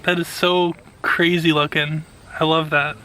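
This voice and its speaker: A man speaks in a bright, slightly raised voice. He narrates what his hands are doing in a casual, enthusiastic vlog style. There is light noise in the background. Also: on the high side, little pitch movement, unhurried, poor audio. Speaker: vlogger, home gardener.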